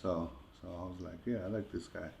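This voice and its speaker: Man, casual podcast host, low voice, echoey room, faint hiss. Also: steady tone, fairly quick, vocal fry, a little mellow. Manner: easygoing, short replies, brief "right" and "mm-hmm" backchannels. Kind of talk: casual interview hosting. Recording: roomy echo with faint noise.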